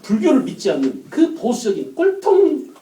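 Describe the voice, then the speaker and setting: A man lectures on history to a live class, often stopping to question the room. His voice sits high yet mellow. He is picked up from some distance away, and the room rings with echo. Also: huge pitch swings, moderate pace. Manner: questions the class and acts out quotes. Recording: echoey room, mic at a distance.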